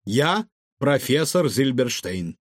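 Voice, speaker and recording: A man voicing a calm, secretive older male inventor who explains himself in a measured way. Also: mid-range voice, dry recording, clean studio sound. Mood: explaining.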